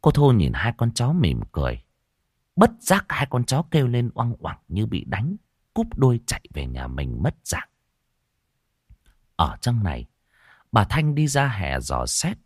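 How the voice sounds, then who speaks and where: A man narrating a spooky audio story in an expressive way, swinging between hushed and raised tones. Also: mid-range voice, a little slow, long pauses, no room sound, clean studio sound.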